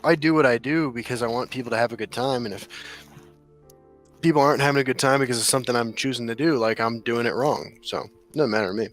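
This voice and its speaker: A man's voice: mid-range voice, fast talker, faint music behind. A man co-hosting a gaming podcast in loose casual chat, laughing often and swearing freely. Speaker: podcast co-host.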